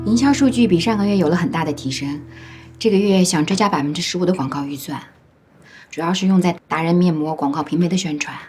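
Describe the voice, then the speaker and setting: A woman's voice: on the low side, quick pace, music in the background, lightly acted. An actress playing a businesslike female colleague who reports marketing figures and asks for a budget. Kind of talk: TV drama acting.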